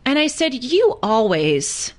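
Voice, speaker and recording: A woman co-hosting a podcast, telling a story in an earnest, halting way. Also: a little high, very animated. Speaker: podcast co-host. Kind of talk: casual podcast conversation.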